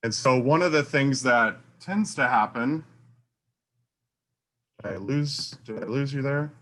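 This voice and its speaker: A man's voice: medium pitch, unhurried, fairly bright tone. A university faculty member giving an online talk, his mic cutting in and out so his volume rises and falls, with many fillers and restarts. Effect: mic cutting in and out, uneven volume. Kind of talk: online conference presentation. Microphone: video call mic.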